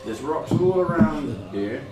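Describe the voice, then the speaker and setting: A man's voice: fairly high pitch, expressive, slow, heavy background noise, pitched above the performer's own voice. Man putting on a heavy Cockney sea captain, roomy echo. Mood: warning. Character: gruff-spoken cautious sea captain for hire. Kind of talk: improvised tabletop role-play. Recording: roomy echo, music underneath.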